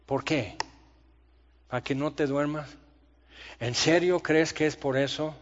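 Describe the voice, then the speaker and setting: A man preaching a sermon, talking fast and theatrically, long-winded by his own account. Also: a little high, fairly even intonation. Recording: dull sound in a reverberant hall.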